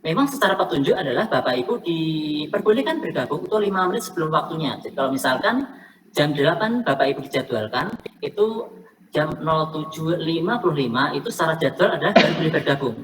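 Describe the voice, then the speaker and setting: A woman's voice: low voice, animated, quick pace. A woman coaching teachers for selection interviews, explaining in a casual way and repeating her key points. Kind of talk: online coaching session talk. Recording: faint noise, somewhat distant from the mic.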